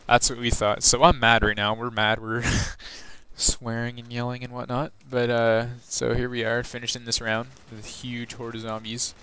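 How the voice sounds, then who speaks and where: A teenage boy talks through a video game tutorial in a loose, rambling way, full of fillers and restarts. His voice is smooth and clear, at a middle pitch for a guy. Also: monotone, normal speed, hardly any pauses, bright, forceful tone, dry recording. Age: teens. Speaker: gaming video host. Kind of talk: casual gameplay walkthrough commentary.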